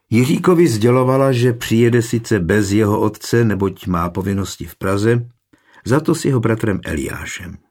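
A man with a gravelly, husky voice reading a historical novel in measured, even narration. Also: on the low side. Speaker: audiobook narrator. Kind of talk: scripted narration.

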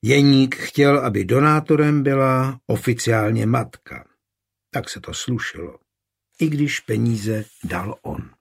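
Chraplavý vypravěč audioknihy. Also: male voice, medium pitch, creaky, slightly rough. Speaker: narrator. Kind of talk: audiobook narration.

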